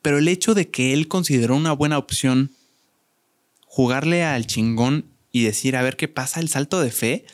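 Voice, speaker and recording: A man's voice: medium pitch, normal speed, no room sound, clean studio sound. A young Mexican man co-hosting a podcast, telling a story in casual slang and acting out the voices in it. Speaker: podcast co-host. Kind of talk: casual chat.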